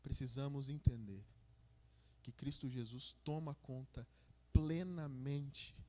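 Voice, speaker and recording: A man's voice: fairly even intonation, slow pace, darkish tone. A man preaching a sermon as a minister, with a Brazilian Portuguese accent, building to fervent passages and calling listeners "my brother". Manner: rising to fervent, high-pitched preaching. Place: church hall. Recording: long church-hall reverb.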